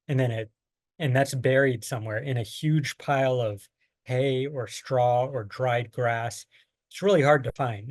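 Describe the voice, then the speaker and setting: In a dry recording, a US man with a mid-range, darkish voice presents a survey design lesson as a workshop presenter in an online training lecture. He explains patiently, drawing on plain everyday examples.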